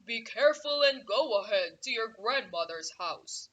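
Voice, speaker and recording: A woman's voice: fairly high pitch, expressive, unhurried, fairly bright tone, lo-fi sound. A woman voicing a kindly male woodcutter in a storybook.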